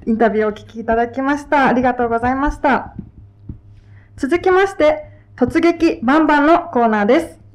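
A woman radio host with a slightly high voice, talking very fast. She is polite and brisk, and she answers her guest with many short acknowledgements. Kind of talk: radio segment hosting.

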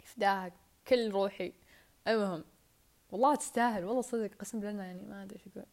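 Saudi girl rambling fast into earphone mic, slips into whispers a lot. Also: medium pitch, a little mellow. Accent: Saudi Arabic. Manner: rambling, rushed, drops into whispers. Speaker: podcaster. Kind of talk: casual solo podcast chat. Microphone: wired earphone mic.

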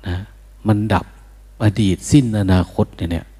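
A man's voice: a little slow, dark tone. An older man, a Buddhist monk, giving an informal dharma talk in an easygoing, chuckling way, now and then breaking into chant to show how it should sound.

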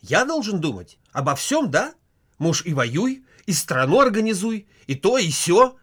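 A man's voice: sits high, sing-song, unhurried, voice pushed up, exaggerated voice. A man reading a satirical story aloud, voicing an irritable, hot-tempered husband who snaps and blusters. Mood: snappish gruff. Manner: gruff, snappish, blustering.

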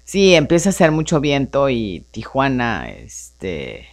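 Her pitch extremely low and her pace slow, a woman hosts a live radio program about personal growth. She coaches listeners animatedly through rhetorical questions, peppering her speech with "entonces" and "no?".

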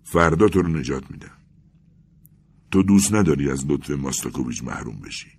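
A man's voice: extremely low pitch, animated, husky, heavily acted. A man voicing a devoted, worried young friend who speaks in an urgent, coaxing way.

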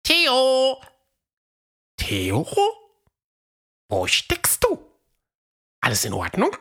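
A woman voicing Fred, a fast, eager male dinosaur runner in a children's audio story, in a high, excited voice. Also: breathy edge, full character voice. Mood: worried.

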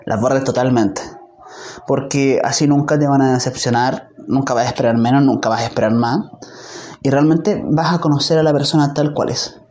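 Mellow-voiced Chilean man musing aloud. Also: moderate pace. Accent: Chilean Spanish. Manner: animated, acts out quoted voices with pitch jumps; repetitive, rhythmic listing. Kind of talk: casual reflective monologue.

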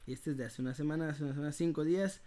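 A man with a Mexican accent hosting a casual live giveaway, speaking to viewers like a playful, animated prize announcer. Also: on the high side, racing. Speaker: host of an online news channel running a live giveaway.

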